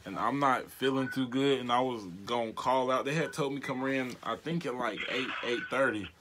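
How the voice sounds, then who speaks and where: A young American man speaks casually at a medium pitch. His delivery is slangy and halting, like someone prank-calling for a video, recorded indoors in a small bedroom. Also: noisy background. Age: 20s. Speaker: prank caller and video host. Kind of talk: casual prank vlog, speaking to phone and camera. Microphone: device mic at arm's length.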